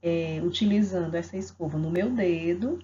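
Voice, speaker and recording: A woman's voice: on the low side, moderate pace, dark tone. A woman with a Brazilian Portuguese accent explaining an exam question on pediatric dentistry as a lecturer, often adding tag questions. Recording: dull lo-fi audio, faint background noise.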